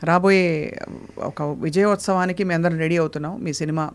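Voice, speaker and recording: A woman's voice: on the low side, fairly even intonation, a little fast, slight background noise. A woman hosting an interview, encouraging and praising her guest. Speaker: interview host. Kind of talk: casual interview.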